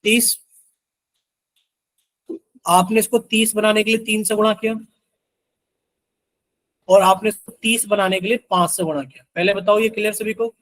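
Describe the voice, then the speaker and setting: A man with a high voice teaches math live, walking through each step and chanting the times tables as he goes. He keeps prodding the class to answer him. The sound is dry and close. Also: steady tone, moderate pace, long pauses, fairly bright tone, dry recording, low-quality recording. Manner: coaxing, repeatedly asks students to answer; works sums aloud with Hindi multiplication-table chants.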